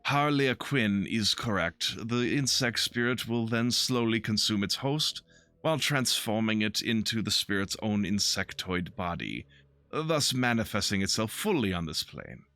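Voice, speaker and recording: A man voicing a slow, pompous male envoy in a video game, speaking in a low, deliberate tone. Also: lively intonation, bright, forceful tone, clear, resonant tone, no room sound, exaggerated voice. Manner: slow and deliberate, a failed attempt at an accent.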